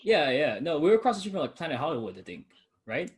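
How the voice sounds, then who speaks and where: A man's voice: fairly high pitch, big pitch swings, fast talker. A young man in casual chat with an old friend, talking in a loose, laid-back way with the odd curse word. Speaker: channel host.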